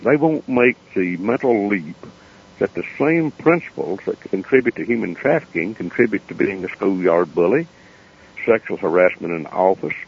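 Low-pitched man, Appalachian accent, gravelly and clean-toned, folksy storytelling, plain-spoken interview guest, dull lo-fi radio sound. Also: animated, normal speed. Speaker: interview guest, founder of a foundation.

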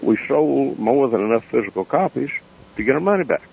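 A man with an Appalachian accent telling stories off the cuff as a radio interview guest, folksy, plain-spoken and unhurried. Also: mid-range voice, lively intonation, gravelly, husky. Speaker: interview guest, founder of a foundation. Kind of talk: unscripted storytelling in a radio interview. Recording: dull lo-fi radio interview sound.

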